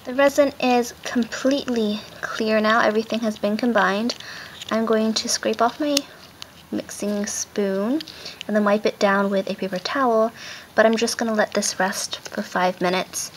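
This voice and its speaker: A medium-pitched woman at normal speed walks viewers through a hands-on craft project step by step, her words muffled by a face mask. The casual tutorial carries clear background noise and handling clicks.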